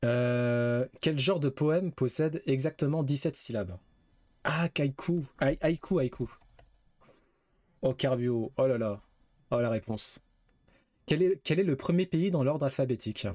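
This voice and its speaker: A man's voice: mid-range voice, unhurried, a little mellow, dry recording, studio quality. A man streaming a quiz game, reading questions aloud, guessing and swearing casually. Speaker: gaming streamer.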